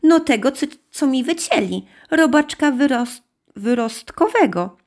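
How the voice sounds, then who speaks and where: Woman voicing naive little girl, chatty, high voice, storybook. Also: lively intonation, unhurried, darkish tone, full character voice.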